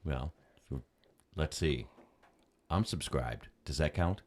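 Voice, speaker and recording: A man with an extremely low voice banters as the producer of a live stream. His delivery is casual, wry and joking. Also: takes it slowly. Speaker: producer handling the live chat.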